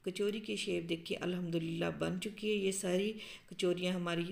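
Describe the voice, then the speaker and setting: Gravelly-voiced woman explaining a recipe. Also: lowish voice, fairly quick. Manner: calm, explanatory, with frequent um fillers. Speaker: cooking show host. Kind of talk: step-by-step cooking instructions. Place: home kitchen.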